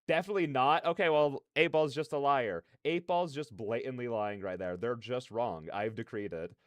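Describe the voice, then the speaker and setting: Speaking at a normal speed in a medium-pitched voice, a reaction livestream host chats loosely with his viewers, animated and slangy as he rambles through his opinions. There is no room sound.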